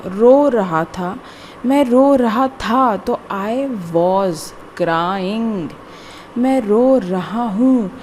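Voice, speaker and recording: Slow, deliberate woman teaching grammar. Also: mid-range voice, a little mellow, a little hiss or hum. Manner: slow, deliberate word-by-word explanation with repetition. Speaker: English teacher. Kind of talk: classroom-style grammar lesson.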